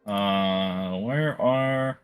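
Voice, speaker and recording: A man's voice: lowish voice, very slow, faint music behind. A man playing a tabletop game, hesitant, with many fillers and restarts as he describes his moves. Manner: hesitant, lots of uhs and restarts. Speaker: player. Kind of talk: casual tabletop game chat.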